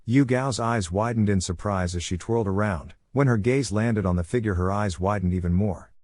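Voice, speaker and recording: Low-voiced man reading a story. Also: normal speed, a little mellow. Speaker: narrator. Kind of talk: scripted story narration.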